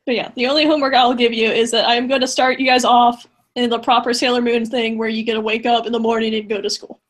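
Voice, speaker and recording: A woman's voice: on the high side, quick pace. A woman acting as game master, chatting casually while planning a tabletop game. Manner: relaxed, chatty, gives instructions.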